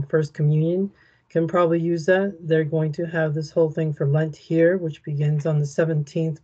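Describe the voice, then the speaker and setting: A woman explaining a website during a screen share in an online meeting, talking in a steady, explanatory way. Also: deep voice, highs cut off. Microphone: video call.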